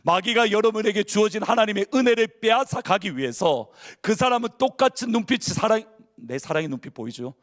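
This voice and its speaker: High-voiced male pastor preaching. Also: expressive, fairly quick, hardly any pauses, a bit bright. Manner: preaches with questions to the congregation and acted inner monologues. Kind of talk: sermon. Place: church sanctuary.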